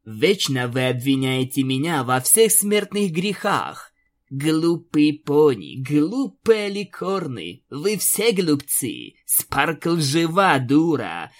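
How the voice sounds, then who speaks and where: A man voicing a cold, mocking female vampire pony leader in an audiobook, with slow, sneering speech. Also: on the high side, lively intonation, fairly bright tone. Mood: cold scorn. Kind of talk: audiobook character voice.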